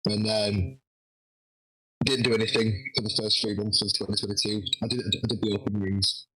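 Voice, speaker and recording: Bright-voiced young man telling stories. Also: on the low side, moderate pace, soft background music, poor audio. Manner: animated anecdote-telling with many restarts. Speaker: wrestler guest. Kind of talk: casual storytelling.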